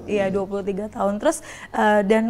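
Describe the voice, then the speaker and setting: A woman's voice: mid-range voice, flat delivery, a little fast, a loud crowd. A woman guest in a casual interview, speaking earnestly and hesitantly with many fillers.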